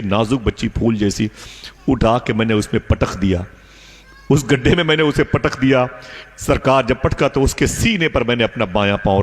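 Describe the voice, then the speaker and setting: A man preaching a dramatic sermon story to a live gathering, rising to high emotional peaks. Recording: echoey hall reverb.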